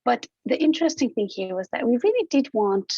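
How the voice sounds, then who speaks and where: A middle-aged woman from Hungary, a professor giving an online conference talk in a relaxed, searching way with fillers and restarts. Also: a little high, brisk, breathy edge, dry recording. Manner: informal, thinking aloud with fillers and restarts. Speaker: professor presenting research. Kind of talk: conference presentation. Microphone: online talk over a computer mic. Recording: dull, dry lo-fi audio.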